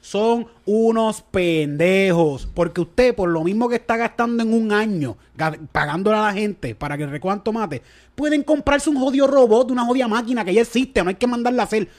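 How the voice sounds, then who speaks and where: A man with a Puerto Rican accent hosting a casual podcast chat, profane and joking, ranting loudly. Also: high voice, animated, brisk. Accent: Puerto Rican Spanish. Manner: profane, joking, rants with mock voices. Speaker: podcast host.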